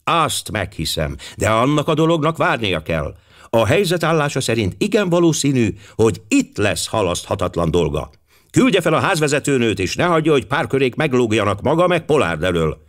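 A man reading an audiobook voices a blunt, hearty male police inspector who speaks with brisk authority. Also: mid-range voice, big pitch swings, voice pushed up, close to an everyday voice. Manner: hearty, commanding, quick to conclude.

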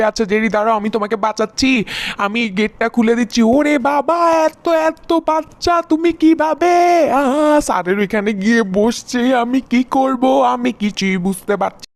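A woman's voice: fairly high pitch, fairly even intonation, brisk, close to an everyday voice. A woman voicing a fussy, fretful male house cat in a cartoon dub.

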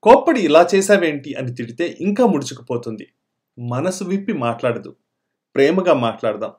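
A man reading a short story aloud as an audiobook narrator, telling it in an emotive, expressive way. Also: on the high side, normal speed.

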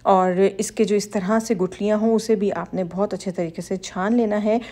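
This cooking channel host guides viewers step by step through a baking tutorial, narrating over her footage at a normal speed with fairly even intonation. The voice is warm, mellow, and middle-pitched. She talks directly to women viewers, sounding reassuring and instructive.

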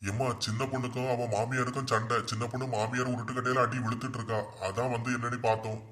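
A man's voice: mid-range voice, flat delivery, a bit bright, close to an everyday voice. A man with a Kanyakumari Tamil accent voicing a cautious male neighbor in a cartoon comedy, chatty and full of advice. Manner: fast, chatty, advising from the sidelines.

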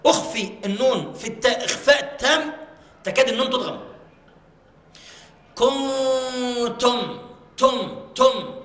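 A man teaching Quran recitation rules, repeating words slowly and drawing them out to show the pronunciation, in a mosque. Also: extremely high pitch, sharp tone. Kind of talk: tajweed lesson with demonstrated recitation. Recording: echoey mosque hall.

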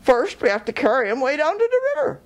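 A woman's voice: sits high, very animated, quick pace, pitched above the performer's own voice. A woman voicing a big grumbling male bear in a storybook tale, raising practical objections.

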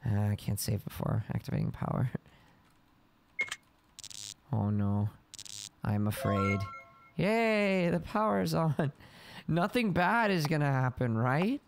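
A let's play gamer talks over a video game, reading its on-screen text aloud and breaking into panicked shrieks and laughter. The voice sits at medium pitch with big swings, moves slowly with vocal fry and frequent pauses, and there's background noise along with game music.

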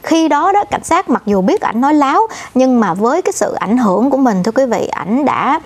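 A female co-anchor telling the news in a relaxed, conversational way, often pausing on fillers and addressing the audience directly. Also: high voice. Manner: many "à" fillers, addresses "thưa quý vị".

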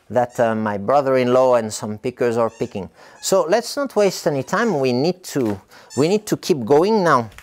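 Indoors at his tea factory beside a hot wok, a middle-aged tea farmer records a loose, rambling vlog. He speaks in a medium-pitched, slightly mellow voice, stumbling through filler sounds and frequent restarts.

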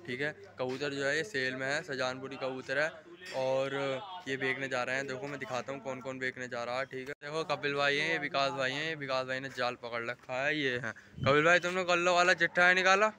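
Crowd noise surrounds a young man as he narrates a casual rooftop vlog, displaying pigeons, steering his friends and calling to viewers. He talks fairly quickly in a mid-range voice with fairly even intonation, using a handheld phone camera.

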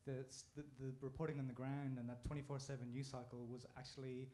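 A man's voice: mid-range voice, flat delivery, fast talker, mellow. A man in the audience asking a panel a question, hesitant with many fillers. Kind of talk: question from the floor. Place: conference hall.

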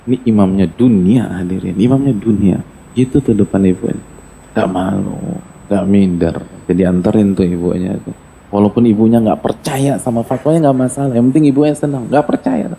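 A man giving a lively sermon to a congregation, acting out the dialogue of his story and speaking straight to his listeners. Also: gravelly, slight background noise. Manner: animated, acts out dialogue in a higher voice, addresses audience directly. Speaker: preacher.

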